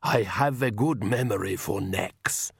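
A man voicing an ancient, courtly male vampire count who speaks slowly and with refined calm. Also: fairly low pitch, gravelly, breathy edge, no room sound, clean studio sound, exaggerated voice. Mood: wistful. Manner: slow, refined and unhurried.

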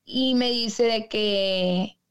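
A woman from Monterrey with a northern Mexican accent tells stories as an interview guest, chatty and slangy, quoting people along the way. Her voice is a little high and clean-toned, with drawn-out words.

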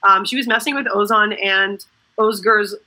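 A woman's voice: medium pitch, fairly even intonation, sharp tone, poor audio. A woman in casual chat, eagerly retelling a TV episode scene by scene and quoting the characters. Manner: gushing, fast retelling with quoted lines. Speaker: show recap co-host. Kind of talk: casual chat recapping a TV series.

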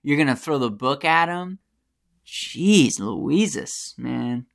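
A man's voice: mid-range voice, normal speed, gravelly, a bit bright. An American man hosting a podcast, giving passionate, profane solo commentary in a ranting way. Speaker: podcast host.

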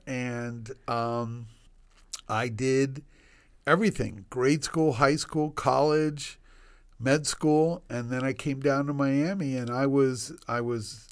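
A man in his sixties from Northern Virginia, United States, speaks at a medium pitch with a clean tone. An obstetrician appearing as a guest in a casual interview, he tells his life story, rambling with many restarts and self-deprecating humor.

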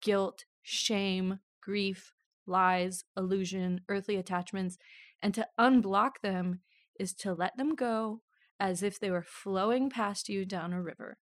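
A woman's voice: mid-range voice, fairly even intonation, takes it slowly, no echo, studio quality. A woman co-hosting a chatty podcast, reading from her notes and breaking off into playful asides. She gets the giggles easily and pokes fun at herself while she explains. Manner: giggly, self-mocking, reads lists with asides. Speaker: podcast co-host. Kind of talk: casual chat, reading notes.

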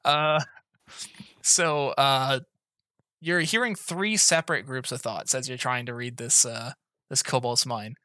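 Woman GM, loose chatty narration, frequent laughs, bright tone. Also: extremely low pitch, a little slow, no echo. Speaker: game master. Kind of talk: narrating a tabletop game.

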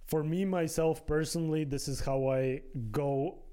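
Mellow-voiced host asking slow questions. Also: male voice, fairly high pitch, steady tone, clean tone. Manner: slow, searching phrasing with restarts. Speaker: podcast host. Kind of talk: casual interview over food.

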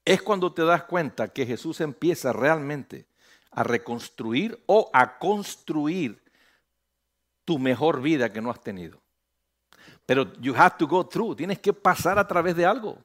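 Pastor preaching with rising force. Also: male voice, a little high, measured pace. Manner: animated preaching, mixes in English phrases, builds to loud emphatic peaks. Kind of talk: sermon. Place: church stage under bright lights.

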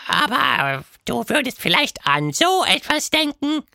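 Quatschmonster, a squeaky silly monster. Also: male voice, very animated, unhurried, vocal fry, bright, forceful tone, no echo, studio quality, heavily acted. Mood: musing. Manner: high squeaky exaggerated voice. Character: wild silly male monster, playful and chaotic.

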